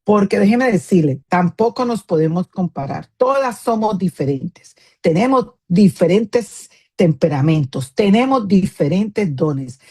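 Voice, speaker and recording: A woman's voice: medium pitch, expressive, unhurried, hardly any pauses, dark tone, husky. A woman, a pastor's wife, giving an earnest teaching talk to other women in a firm tone that can sound scolding, with many fillers and "isn't that right?" asides.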